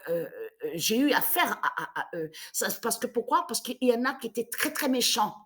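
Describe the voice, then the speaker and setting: A woman's voice: medium pitch, a bit bright. A woman in her fifties delivering an angry, agitated monologue, repeating herself and stumbling through restarts. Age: 50s. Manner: agitated, repetitive, stammering restarts. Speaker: vlogger.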